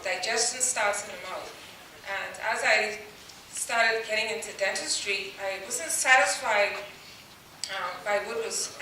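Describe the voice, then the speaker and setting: A middle-aged woman from the Bahamas speaks earnestly at a symposium, leaning on key words and pausing with "um." Her bright voice comes from some distance off the mic and rings through a very echoey hall. A faint room hum sits underneath. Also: mid-range voice. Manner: earnest, many "um" fillers, stressing key words. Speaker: dentist giving a talk. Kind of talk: public presentation. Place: large hall, voice heard from afar.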